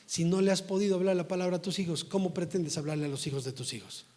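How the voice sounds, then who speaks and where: A middle-aged man preaching a sermon as pastor, emphatic and scolding, rising to forceful outbursts. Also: high-pitched, fast talker, a little hiss or hum.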